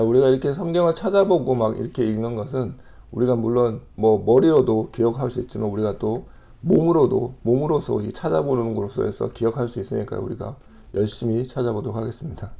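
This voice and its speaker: A man preaching a sermon as pastor, reading scripture aloud and explaining it in a measured way with frequent pauses. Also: medium pitch, expressive, creaky, dark tone.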